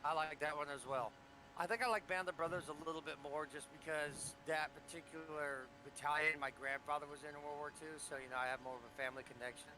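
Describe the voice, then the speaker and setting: Fast-talking, cursing man over engine noise. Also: fairly high pitch, fairly even intonation. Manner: fast, profane, argumentative. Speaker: sim racing streamer. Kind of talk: casual gaming chat.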